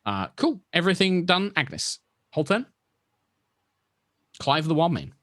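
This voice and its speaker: A man's voice: fairly high pitch, very animated, a little slow, fairly bright tone, no room sound, clean studio sound. A man narrating a tabletop fantasy game as game master in a descriptive, conversational way.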